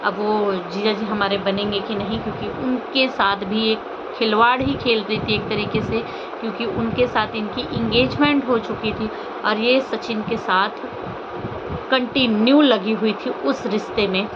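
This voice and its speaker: A woman vlogger delivers unscripted, scolding opinion commentary on online drama about a personal scandal, in a mid-pitched, steady voice at a slightly slow pace. Indignant, she often throws rhetorical questions at the listener. The recording is muffled and lo-fi, with very loud vehicle and ambient noise.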